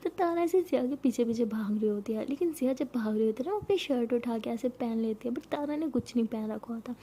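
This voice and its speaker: A woman narrating a love story in a soft, intimate voice that often drops to a half-whisper. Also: fairly high pitch, brisk, breathy edge.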